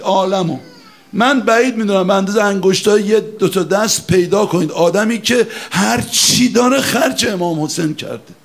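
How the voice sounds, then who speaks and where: High-voiced impassioned male preacher. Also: creaky. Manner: impassioned, swings between shouting and chanting. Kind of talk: mourning sermon with chanted lament.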